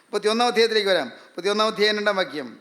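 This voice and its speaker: A man's voice: sits high, expressive, rapid-fire, bright, forceful tone. A man preaching a sermon, emphatic and repeating his phrases.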